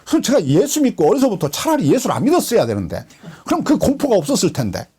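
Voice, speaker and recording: A woman's voice: wildly swooping pitch, quick pace, warm tone, slightly rough. A woman pastor preaching a sermon in a church, telling a personal testimony with emotion and acting out the lines she quotes. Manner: emotional storytelling, swinging pitch, acting out quotes.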